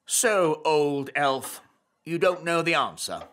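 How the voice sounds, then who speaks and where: A woman's voice: low voice, big pitch swings, slow, heavily acted. An actress playing a posh, skeptical adult fairy queen with a British accent in a children's cartoon. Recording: music behind the voice.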